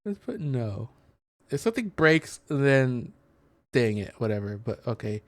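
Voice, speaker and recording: Speaking into a close mic on a dry recording, a man with a medium-pitched, very animated voice rambles hesitantly through relaxed let's-play commentary. He takes his time, in the style of a gaming content creator.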